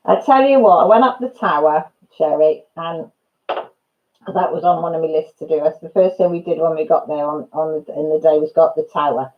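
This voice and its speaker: A low-pitched, brisk Welsh woman in her fifties hosts her channel's casual live chat, calling out viewers by name and laughing as she shares stories. The audio sounds dull.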